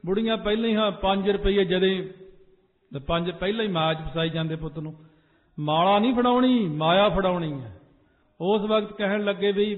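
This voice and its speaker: A man with a high voice preaches a Sikh sermon to a gathered congregation. He drifts into a sing-song chant and then presses his points with sudden force. The sound is tinny and narrow, as if through a phone, and it rings with a long hall echo. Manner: preaching in a sing-song cadence, rising to urgent emphasis. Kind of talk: sermon with sung phrases. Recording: echoey hall over a tinny phone-like line.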